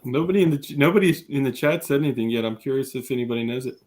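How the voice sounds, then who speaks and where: Brief: man, quiz panelist, mid pitch, relaxed short casual replies. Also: very fast. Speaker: quiz panelist reading answers. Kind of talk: casual chat.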